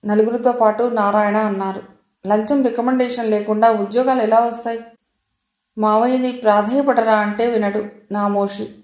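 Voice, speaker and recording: A woman voicing a sharp-tongued, cynical older woman who scolds and lectures in an audio novel. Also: a little high, steady tone, normal speed, echoey room, lightly acted. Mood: lecturing.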